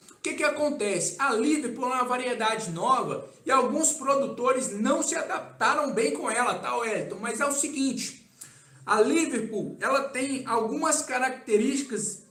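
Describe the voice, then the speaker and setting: High-voiced Brazilian man in an echoey room. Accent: Brazilian Portuguese. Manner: casual, relaxed, keeps adding "tá?" as a tag. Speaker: agronomy consultant answering viewer questions. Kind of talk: live-stream Q&A.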